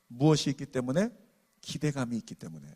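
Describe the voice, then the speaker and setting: A man's voice: mid-range voice, very animated, quick pace. A man preaching a sermon as pastor, earnestly telling a story and often turning to speak straight to his congregation. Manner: tells a story at length, shifting between hushed and raised passages.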